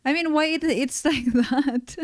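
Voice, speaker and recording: A woman streamer reacting to a panel video in live commentary, critical and exasperated, with halting restarts. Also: sits high, no echo, clean studio sound.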